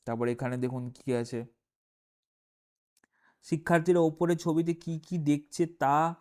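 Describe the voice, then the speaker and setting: A man's voice: a little high, steady tone, a little slow, darkish tone. A man teaching from a primary school textbook in a casual recorded lesson. He reads lines aloud, explains with frequent "ah" fillers, keeps asking "okay?" and corrects himself as he goes. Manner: self-corrects page numbers aloud.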